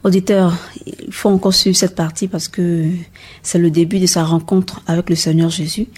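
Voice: mid-range voice, flat delivery, moderate pace, a little mellow, slightly rough. A radio host interviewing a guest, prompting him with murmured agreement and speaking directly to listeners. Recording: radio studio.

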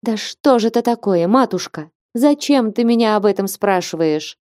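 A woman's voice: mid-range voice, expressive, moderate pace, a little mellow, no echo, clean studio sound, pitched above the performer's own voice, lightly acted. A woman reading an audiobook and voicing a despairing young woman who pleads in a raised, plaintive voice. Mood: hurt.

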